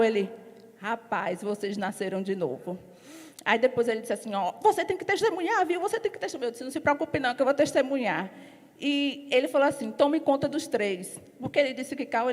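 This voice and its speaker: A woman giving her testimony in a church service, telling her story lively, acting out what others said, and growing loud and emphatic as she preaches. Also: sits high. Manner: storytelling, acts out other people's lines in quotes. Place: church hall. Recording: long hall reverb.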